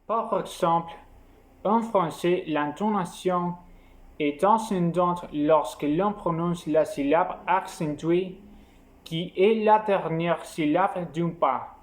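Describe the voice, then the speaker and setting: A man narrating a scripted lesson in a slow, measured, explanatory way. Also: high voice. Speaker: teacher.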